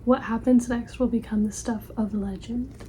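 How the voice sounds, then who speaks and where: Woman in a ASMR role-play as a helpful librarian, very mellow. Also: on the high side, fairly even intonation, moderate pace, a little hiss or hum, natural voice. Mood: reading softly. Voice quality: soft-spoken, breathy library soft voice. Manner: gentle, hushed, attentive customer-service talk. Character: helpful, polite female librarian recommending books to a customer.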